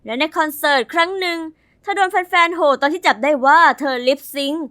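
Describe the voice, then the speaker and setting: A young woman narrating her own animated story as its heroine, chatty, dramatic and confiding. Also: sits high, quick pace, dry recording, studio quality.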